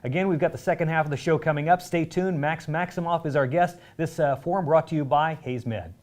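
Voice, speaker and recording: A man filling in as host of a local TV interview show, chatty and easygoing, with slightly halting questions, in a studio. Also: fairly high pitch.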